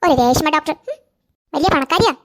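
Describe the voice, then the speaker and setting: A woman's voice: high voice, lively intonation, a bit bright. A woman voicing a scheming, boastful stepmother in a cartoon, scornful in her talk. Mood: spiteful. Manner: boastful, scornful, rapid-fire. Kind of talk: cartoon voice acting.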